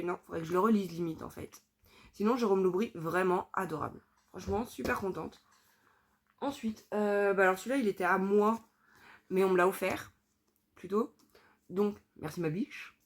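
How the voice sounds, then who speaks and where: A young woman with a somewhat low-pitched voice talks casually and candidly. She thinks aloud as she goes, trailing off and using plenty of fillers. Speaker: book vlogger. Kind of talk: casual chat.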